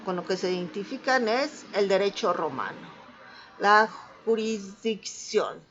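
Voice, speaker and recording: A woman's voice: mid-range voice, lively intonation, unhurried, a bit bright, highs cut off. A woman teacher with a Mexican accent giving an online class lecture, patiently checking understanding as she goes. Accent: Mexican Spanish.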